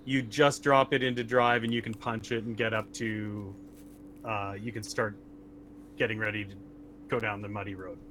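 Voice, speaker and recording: A man's voice: fairly low pitch, little pitch movement, background noise. Casual man narrating as game master. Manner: casual, halting narration with restarts.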